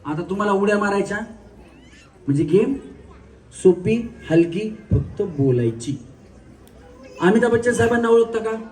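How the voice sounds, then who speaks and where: High-pitched male emcee who banters and bosses players around, recorded from afar over a crowd. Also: animated, normal speed, pauses often, a little mellow. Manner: joking, coaxing crowd instructions. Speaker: game show host. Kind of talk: live stage game hosting. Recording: distant mic with crowd behind.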